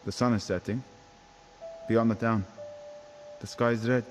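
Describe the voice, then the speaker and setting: An actor playing a calm male adventurer who speaks in a measured, poetic way. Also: medium pitch, faint music behind, lightly acted.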